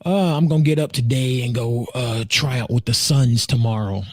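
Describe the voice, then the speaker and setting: In a casual group chat, an American podcast co-host and streamer in his 30s jokes, repeats himself and swears freely. His voice is medium in pitch at a normal speed, captured in clean studio sound with no room reverb.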